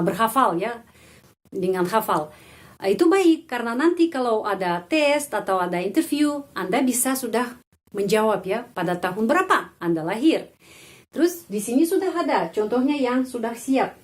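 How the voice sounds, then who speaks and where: A woman teaching a language lesson in a slow, unhurried voice that sits a little high. She repeats each example word several times with careful, drawn-out pronunciation. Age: adult.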